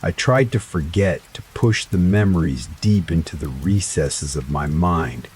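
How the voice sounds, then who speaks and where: Deep-voiced man narrating horror. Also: unhurried, a little mellow, husky. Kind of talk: scripted first-person horror narration. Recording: faint rain sounds behind voice. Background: rain ambience.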